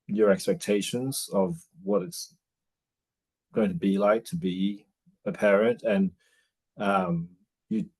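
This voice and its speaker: His voice is lowish, creaky and a little mellow. This interview guest, a new father from Australia in his forties, works through his thoughts in a casual conversation, hesitating often with restarts and fillers.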